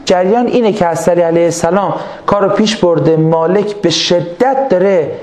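A man giving a storytelling religious lecture in a lively, colloquial way, acting out the voices he quotes. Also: high-pitched. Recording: echoey room with faint ambient noise.

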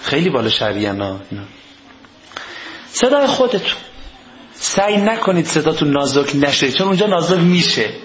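A man giving a humorous religious lecture, joking and mimicking people as he talks, with big swings in his pitch. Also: big pitch swings, pauses often, fairly bright tone, a little hiss or hum. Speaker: cleric lecturer. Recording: echoey, dull lo-fi hall recording.

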